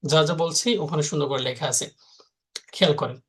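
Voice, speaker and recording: A man's voice: fairly high pitch, steady tone, fast, slightly rough. Male teacher, live lesson, repetitive question-and-answer delivery. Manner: repeats rules, asks and answers own questions. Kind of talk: live online grammar lesson.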